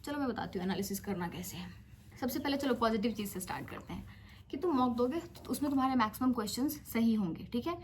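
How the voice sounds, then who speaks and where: A woman's voice: fairly high pitch, animated, quick pace, slight background noise. A young woman in her twenties, a medical student, coaching exam students in a casual, bossy, teasing big-sister tone with playful scolding. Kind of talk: casual direct-to-camera coaching.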